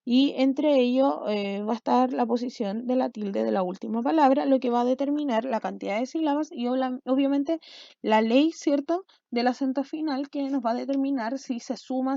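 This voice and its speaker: An online teacher with a high-pitched, mellow voice walks her class through the material step by step, frequently checking in along the way. Her patient delivery is captured in a dry, dull, lo-fi recording.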